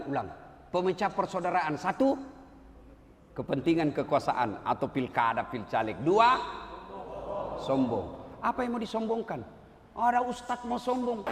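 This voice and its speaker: Middle-aged guy preaching a funny sermon, goes loud then soft, echoey hall with a bit of hiss. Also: sits high. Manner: animated, swings from loud exclamations to soft asides. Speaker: Islamic preacher. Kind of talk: humorous sermon. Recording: reverberant hall with faint background noise.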